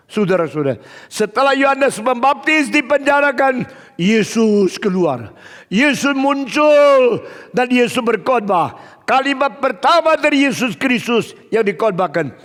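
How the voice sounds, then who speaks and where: A man's voice: very high-pitched, fairly bright tone. A male pastor preaching an evangelistic sermon emphatically, with rhetorical questions and repetition, in a large auditorium. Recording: long hall reverb.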